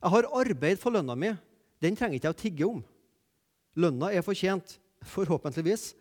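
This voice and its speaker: High-voiced preacher with dramatic swings. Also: male voice, expressive. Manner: emphatic, repeats key phrases, rises and drops sharply in loudness. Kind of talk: sermon.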